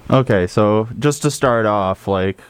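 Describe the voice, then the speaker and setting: A man's voice: on the low side, unhurried, smooth, dry recording. A man co-hosting a radio show and asking questions in a casual interview style.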